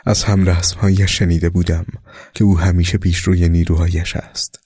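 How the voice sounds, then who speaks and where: A man reading war memoirs aloud in a slow, solemn, scripted narration that sometimes sinks to a soft whisper. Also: sits low, little pitch movement, breathy edge, no room sound.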